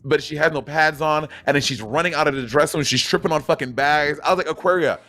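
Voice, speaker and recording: A man in casual chat, an animated storyteller who swears freely. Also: a little high, quick pace. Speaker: drag performer and co-host.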